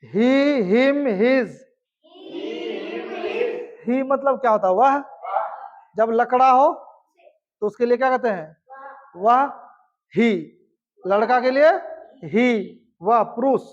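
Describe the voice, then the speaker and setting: A man's voice: extremely high pitch, takes it slowly, long pauses. A young man teaching an English grammar class, drilling students with stern mock threats. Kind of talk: classroom lesson, call-and-response drilling. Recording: dull lo-fi recording.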